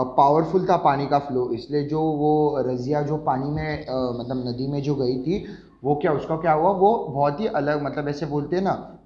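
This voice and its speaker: A male teacher reads a story line by line and explains each part, with frequent fillers and check-ins. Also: a little high. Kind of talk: online class lesson, explaining a textbook story. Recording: echoey room, dull lo-fi sound.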